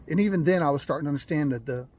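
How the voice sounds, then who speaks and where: A man telling a rambling, folksy story about his birds, clearing his throat now and then. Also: on the high side, very fast, darkish tone. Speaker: gamefowl breeder. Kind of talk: casual storytelling.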